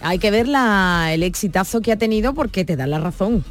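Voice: medium pitch, fairly quick. A radio co-host, exclaiming and reacting constantly. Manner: exclamatory, animated. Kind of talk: casual radio chat.

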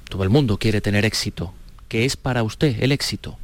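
A man's voice: lowish voice, fairly quick. A man interviewing in a conversational, reflective way, putting thoughtful questions. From Andalusia, Spain.

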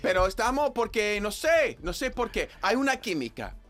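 A man's voice: sits high, sing-song, normal speed, fairly bright tone. A man who grew up speaking English, chatting playfully on a panel and teasing the others. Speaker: panel guest. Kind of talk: casual chat.

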